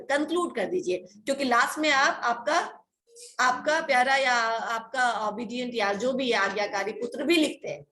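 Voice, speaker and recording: A woman's voice: sits high, a bit bright. A woman college teacher giving an online class lecture, explaining firmly and checking in with her students again and again.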